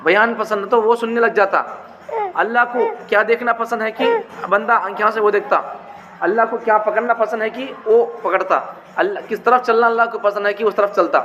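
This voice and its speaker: A man's voice: high-pitched, steady tone, fairly quick, a bit bright. A man giving a religious teaching talk, repeating his points and asking rhetorical questions. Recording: dull, echoey hall with faint noise.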